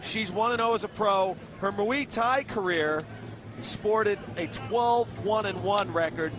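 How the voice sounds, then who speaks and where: A man doing energetic play-by-play commentary for a fight broadcast. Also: high voice, slow pace, noisy background. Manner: energetic, hyping.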